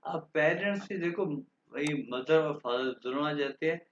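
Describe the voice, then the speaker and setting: A man with a slightly high voice teaches German grammar to a class at a moderate pace, patient and repetitive, often checking that students understood. The classroom recording is dull and roomy, with slight background noise.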